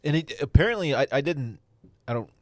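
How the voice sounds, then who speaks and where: A man's voice: on the high side, lively intonation, fairly quick, no room sound. A man chatting casually as a panelist on a sports podcast.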